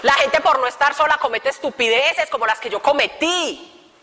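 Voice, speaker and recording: A young woman tells her testimony to a group of young people. She jokes and throws in colloquial asides, with a bright, fairly high voice. Long reverb surrounds her, as in a big hall. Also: moderate pace. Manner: animated, joking, colloquial, playful asides. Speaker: speaker giving testimony to youth. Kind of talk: lively testimony talk.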